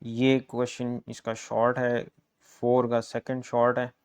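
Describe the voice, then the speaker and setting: A man with a Punjabi-influenced Urdu accent, a math teacher walking students briskly through an exam guess paper, repeating key points in an encouraging way. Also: mid-range voice, monotone, darkish tone, clean tone. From Pakistan.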